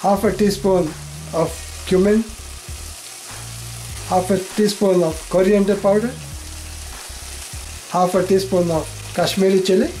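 An older man, host of a home cooking show, giving calm, plain step-by-step cooking instructions. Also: sits high, unhurried, long pauses, slight background noise.

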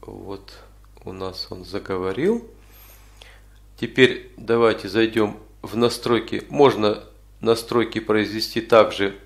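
A man with a lowish voice leads an informal software tutorial. He explains each step as he goes, pausing now and then to find the next word. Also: vocal fry. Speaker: tutorial instructor. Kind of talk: informal spoken software walkthrough.

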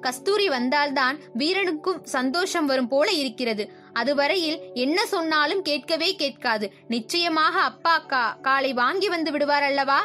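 Storybook little sister, high and tearful, asking worried questions; a woman reads her. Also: measured pace, sharp tone, soft background music. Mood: anxious. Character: young girl, anxious loving little sister.

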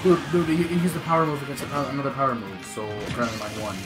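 A man's voice: medium pitch, lively intonation, racing. A young man casually chatting and defending himself while gaming with friends. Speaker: gamer. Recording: game music behind voices.

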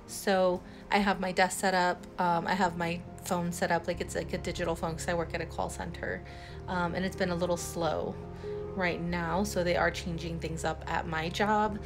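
Chatty woman with music behind. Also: lowish voice. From San Antonio, Texas. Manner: rambling, chatty, many fillers and restarts. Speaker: cleaning vlogger. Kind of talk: casual voiceover chat.

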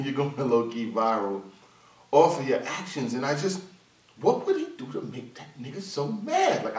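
Animated man riffing in a roomy space. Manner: animated, slangy, jumps into high-pitched mimicry. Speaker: battle rap commentator. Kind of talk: casual commentary vlog. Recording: roomy echo, voice from a distance.

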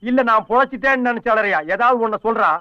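An actor playing a sarcastic, scolding comic lead in a film comedy scene, firing off quick insults. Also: male voice, extremely high pitch, smooth, no room sound. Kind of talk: Tamil film comedy dialogue. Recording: dull lo-fi film soundtrack.

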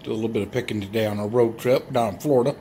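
A toy car collector vlogs indoors, showing off his finds laid on a bedsheet while filming on a handheld phone. He talks very fast in a lowish, dark voice, rambling with lots of fillers and frequent chuckles. There's slight background noise.

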